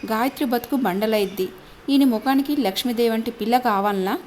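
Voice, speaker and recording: A woman voicing a loud, lamenting middle-aged village mother. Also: a little fast, slight background noise, close to an everyday voice. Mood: wailing. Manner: shrill, lamenting.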